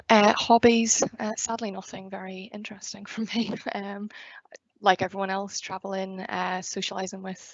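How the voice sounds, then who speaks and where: A Northern Irish woman in her thirties, a geotechnical engineer giving a soft-spoken career talk over a video call. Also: medium pitch, vocal fry, no room sound, highs cut off. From Northern Ireland. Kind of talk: presenting a slide talk.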